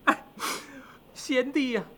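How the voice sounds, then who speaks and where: A man voicing a grieving, vengeful male demon king who gives orders in a slow, solemn, commanding way. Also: extremely high pitch, expressive, pushed and bright, pitched above the performer's own voice, full character voice.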